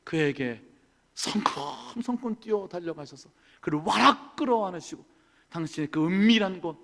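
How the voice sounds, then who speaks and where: A middle-aged man preaching a sermon as senior pastor, swinging between hushed pleading and loud emphatic lines. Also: sits high. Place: church sanctuary. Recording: church hall with long reverb.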